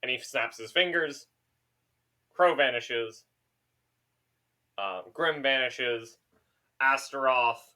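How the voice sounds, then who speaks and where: A man's voice: medium pitch, slow, pauses often. A man narrating as game master of a tabletop game, playful and profane as he describes the scene. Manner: animated, swearing, playful.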